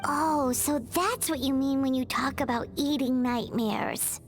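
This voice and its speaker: A woman voicing a small, childlike fairy girl companion in a video game, squeaky, expressive and easily worried. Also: a little slow, faint music behind. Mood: curious. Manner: speaks of herself in third person, expressive.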